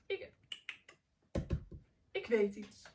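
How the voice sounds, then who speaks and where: A woman's voice: drawn-out words, distant mic, background noise. Chirpy, eager little bird, as a woman voices him.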